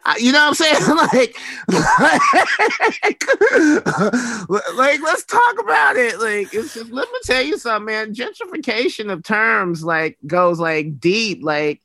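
A man with a bright, androgynous voice that can pass for a woman's. He talks as a candid interview guest, blunt and slangy, with emphatic delivery and a very dry sound. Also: high-pitched, lively intonation, takes it slowly, no room sound. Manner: androgynous voice, often taken for a woman's. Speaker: guest, writer. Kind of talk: casual, candid interview chat.

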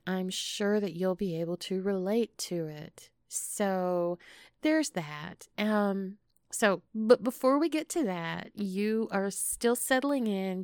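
A woman's voice: mid-range voice, darkish tone, no echo, clean studio sound. A woman hosting a podcast alone, chatting casually and intimately with playful, flirtatious pet names for her listeners. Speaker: podcast host.

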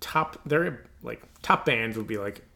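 A man with a gravelly voice chats in a relaxed way on a podcast. He often hesitates and gropes for the right words. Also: mid-range voice, measured pace. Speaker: podcast co-host. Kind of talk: casual chat about music.

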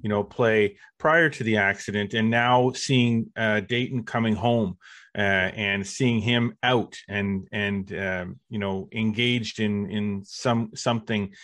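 A man co-hosting a podcast, speaking in a supportive, thoughtful, halting way. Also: lowish voice, steady tone, a bit bright, no echo. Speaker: podcast co-host. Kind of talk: casual podcast chat.

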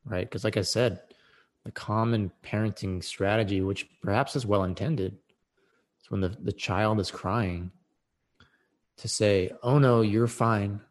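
Reflective male podcast guest, earnest and thoughtful, slightly low voice. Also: steady tone, a little slow, pauses often. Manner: earnest, reflective, repeats words while thinking. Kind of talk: casual conversation.

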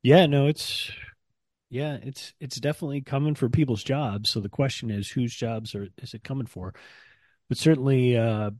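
A man's voice: mid-range voice, normal speed, darkish tone, dry recording. A middle-aged man co-hosting a podcast, talking casually with wry, dry joking. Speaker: podcast co-host. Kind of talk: casual chat.

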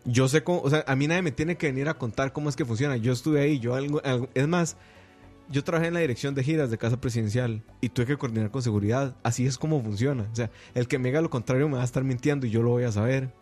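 A man's voice: mid-range voice, fast talker, a little mellow, soft background music. A man with a Costa Rican accent, hosting a casual panel podcast and talking bluntly and emphatically. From Costa Rica. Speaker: podcast host.

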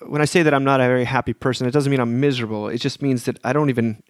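A man's voice: medium pitch, fairly even intonation, racing, no room sound, clean studio sound. Reflective man in his forties. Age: 40s. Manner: reflective, thinks out loud. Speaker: podcast co-host. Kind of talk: casual chat.

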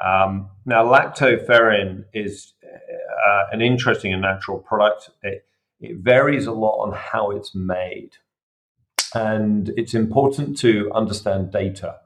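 A man's voice: lowish voice, a little slow, a bit bright. A middle-aged man, a surgeon talking on a podcast and explaining things patiently with everyday examples. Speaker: surgeon guest. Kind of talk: casual podcast interview.

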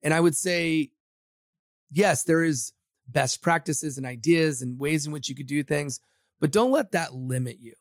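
A man's voice: on the high side, measured pace, no room sound, studio quality. A man from Samoa, a podcast guest and agency founder, speaking confidently and motivationally in a casual interview.

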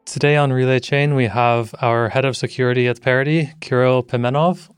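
A man's voice: medium pitch, steady tone, fairly quick, over music. A man hosting a podcast, asking questions in a casual way with lots of fillers. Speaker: podcast host. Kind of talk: podcast interview.

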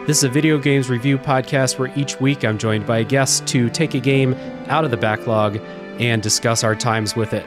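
Speaking at a medium pitch and ordinary speed over music, this podcast host runs a show reviewing video games. His talk with the guest is loose and conversational, peppered with fillers, and includes a sponsor thank-you read.

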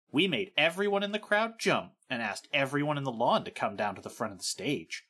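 A swaggering rock frontman in a put-on British accent, read aloud by a woman, tearing through an angry rant. The voice swoops widely in pitch and sounds bright and husky. Every sentence drips with profanity and indignation. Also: heavily acted.

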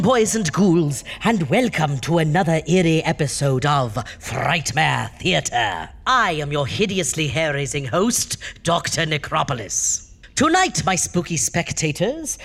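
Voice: mid-range voice, big pitch swings, measured pace, a bit bright, heavily acted. An actor playing a theatrical ghoulish male horror host in a campy radio drama, with a hammy, spooky showman's delivery. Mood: gleefully macabre. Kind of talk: campy horror anthology introduction.

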